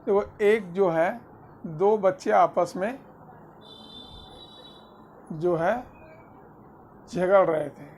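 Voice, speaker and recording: Unhurried guy telling kids a story on a video call, keeps asking them questions. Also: high-pitched, a little mellow, slight background noise. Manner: quizzes listeners mid-story; mixes simple English with Hindi. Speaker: storyteller teaching children. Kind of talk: spiritual story told to children.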